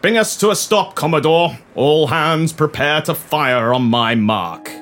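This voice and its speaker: A man's voice: on the high side, animated, measured pace, fairly bright tone, faint music behind. A man playing a pompous, commanding naval admiral in a comic improvised radio play, giving orders in a stiff, formal tone.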